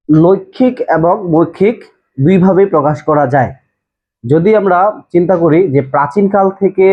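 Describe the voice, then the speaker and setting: A man's voice: a little high, slightly rough. A man from Bangladesh teaching a class, explaining terms step by step, repeating key words and checking that students follow. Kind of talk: classroom lecture. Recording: tinny phone-like audio.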